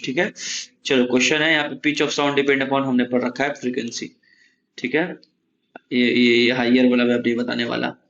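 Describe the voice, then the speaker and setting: A man's voice: mid-range voice, a little hiss or hum. Male exam-prep tutor, casual lecture over slides, mid voice, somewhat muffled audio. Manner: chatty, repeats "ठीक है?" to check in. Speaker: exam coaching teacher. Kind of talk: casual Hindi-English lecture. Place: room at home, AC running.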